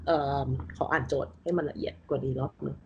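A design interview candidate thinks aloud through a design exercise in casual talk, mixing English terms into her speech, over a video call from her bedroom with a loud roommate nearby. Her voice is low, fairly even and quick, with vocal fry. The computer mic cuts off the highs and picks up slight background noise.

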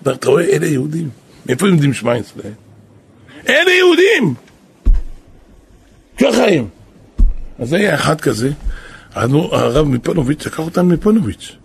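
A man, a rabbi and yeshiva head, telling a story in a sermon, animated and now and then calling out quoted lines loudly. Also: fairly high pitch. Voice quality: raspy.

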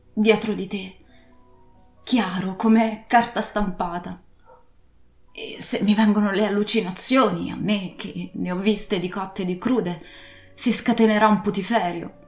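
A woman's voice: medium pitch, steady tone, a little slow, darkish tone, lightly acted. A woman voicing an old, drunken male pirate captain who pleads and rants, in an echoey room with faint music. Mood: pleading. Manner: pleading then blustering, ranting.

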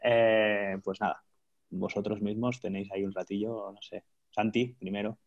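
A man from hosts a casual podcast in a halting way, often repeating his words. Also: fairly low pitch, little pitch movement, vocal fry, highs cut off. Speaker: host, coach.

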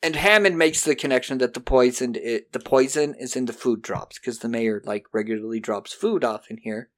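A podcast co-host with a mid-range voice and moderate pace casually recaps a film's story. He animatedly acts out the characters' lines as he goes.

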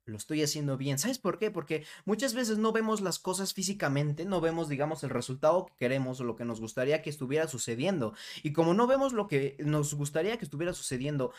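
A young adult man, hosting a motivational podcast in a conversational way, often checking in with "¿vale?" and guiding the listener through affirmations. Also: fairly high pitch. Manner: warm conversational, frequent "¿vale?" and "¿no?" tags. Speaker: podcast host.

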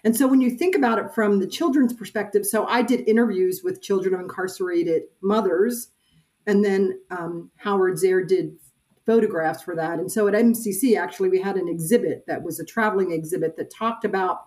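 A woman's voice: medium pitch, fairly quick, darkish tone, poor audio. A middle-aged woman, a church peace minister, speaking earnestly as a podcast guest with frequent fillers. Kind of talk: casual interview talk.

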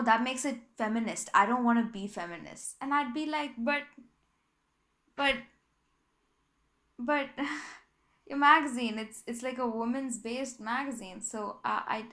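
Young woman, solo podcast host, bright slightly high voice, chatty and self-correcting. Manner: rambling, self-correcting, animated storytelling. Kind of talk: casual solo podcast chat.

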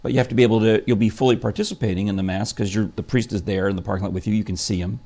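Gravelly-voiced chatty male host. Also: on the low side, steady tone, very fast, dark tone. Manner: chatty, rambling with fillers and restarts. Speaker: show host. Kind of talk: casual morning chat.

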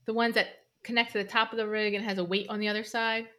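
A woman hosting a podcast in casual chat, relaxed and quick to act out little asides. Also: mid-range voice. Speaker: podcast host.

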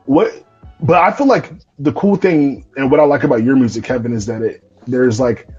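Young male host, husky, rambling and upbeat, muffled live-stream audio. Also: mid-range voice, moderate pace, faint music behind. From North Carolina. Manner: relaxed, many restarts and fillers, enthusiastic. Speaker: podcast host. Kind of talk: casual interview chat.

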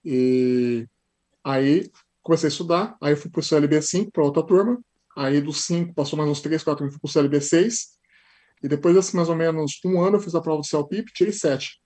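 Man, Brazilian São Paulo accent, podcast guest, husky, fairly high voice, lively anecdotes. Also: normal speed. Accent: Brazilian Portuguese, São Paulo. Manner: lively anecdotal telling, frequent tag questions. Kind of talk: casual interview storytelling.

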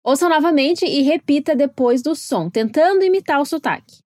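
A woman with a Brazilian Portuguese accent leads a scripted pronunciation lesson. Her voice sits a little high, and she explains patiently, slowing down to model each English word. The sound is dry and close. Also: lively intonation, a little mellow, dry recording. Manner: clear, explanatory, slows down to model English words.

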